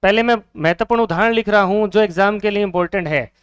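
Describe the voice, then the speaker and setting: A man's voice: sits high, fast talker, clean tone, no echo, studio quality. A man teaching a Hindi grammar lesson for exam students, asking questions and answering them himself, repeating each key word.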